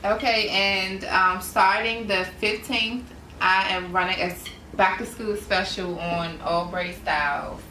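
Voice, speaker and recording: A woman's voice: mid-range voice, fairly even intonation, a little slow, pushed and bright. A woman in her twenties hosting a casual chat, speaking in a direct, teasing way. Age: 20s. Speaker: host. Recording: roomy, distant mic, noisy.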